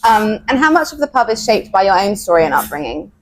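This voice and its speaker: A woman's voice: medium pitch, big pitch swings, fast talker, rough recording. Woman interviewer, faint background hiss. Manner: brief encouraging backchannels. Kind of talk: interview questions.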